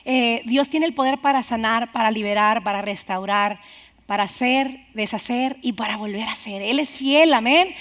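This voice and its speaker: High-voiced woman preaching in an echoing hall. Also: moderate pace. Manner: animated, calls out to the congregation, swings from loud to soft. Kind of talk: lively bilingual-church sermon. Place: church sanctuary. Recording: reverberant church hall.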